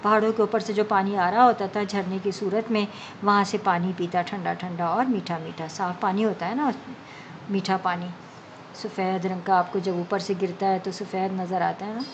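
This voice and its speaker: A woman's voice: medium pitch, steady tone. Lady teacher reading a kids story, stops to explain stuff simply, dull lo-fi sound, faint hum behind. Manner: reads a line then explains it in simple words.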